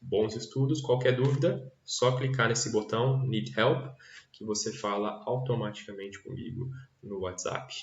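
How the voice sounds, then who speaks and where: A man with a lowish voice teaches an English grammar lesson, drawing out each example sentence before he translates it. The sound is dull and lo-fi, with a noticeable echo from the room. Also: steady tone. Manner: slow, drawn-out English examples with Portuguese translations.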